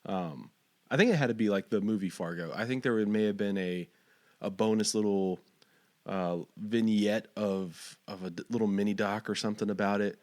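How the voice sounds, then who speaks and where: A man's voice: lowish voice, moderate pace, darkish tone. A man from Texas hosting a podcast interview, rambling and searching for his words with many fillers. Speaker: podcast host. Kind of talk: casual interview chat.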